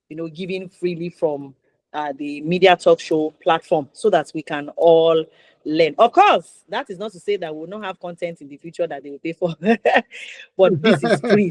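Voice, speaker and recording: A talk show host with a Nigerian accent runs a conversational interview, encouraging and emphatic, repeating points to stress them. Her voice is fairly low and darkish, in a dry recording.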